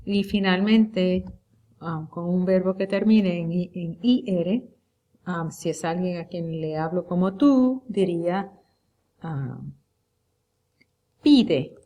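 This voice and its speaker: A woman teaching Spanish, reviewing a unit for an exam. She speaks slowly and deliberately and draws out the example words. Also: on the low side, mellow. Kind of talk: recorded lecture review.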